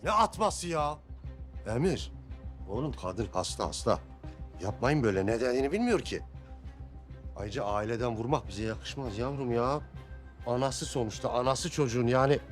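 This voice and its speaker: A man's voice: mid-range voice, lively intonation, normal speed, pauses often, faint music behind, close to an everyday voice. An actor playing a blustering neighbourhood father who takes charge of a street quarrel, in a TV drama. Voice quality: blustering, commanding. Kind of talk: TV drama acting.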